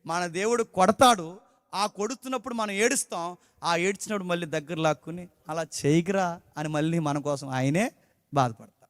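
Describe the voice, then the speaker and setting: A man's voice: high-pitched, brisk, fairly bright tone, no echo, studio quality, big-room sound. A man preaching a sermon emphatically, often putting questions to the congregation. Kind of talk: Telugu sermon.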